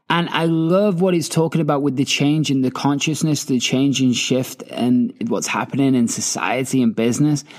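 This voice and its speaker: A man's voice: medium pitch, a little mellow. A man hosting, giving emphatic motivational commentary between clips, with casual swearing. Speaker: host.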